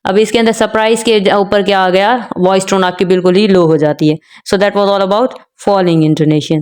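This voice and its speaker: Female lecturer, mid pitch, smooth resonant tone, careful slow delivery of examples. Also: fairly even intonation, a little mellow. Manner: repeats the filler "jo hai na" constantly. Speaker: teacher. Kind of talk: explaining a lecture, mixing English terms.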